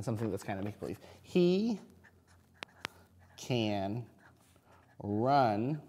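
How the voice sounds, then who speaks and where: Speaking straight to a group of young kids, a male kindergarten teacher runs a reading lesson, asking easy questions and sounding words out. His voice is on the low side, darkish, with a breathy edge.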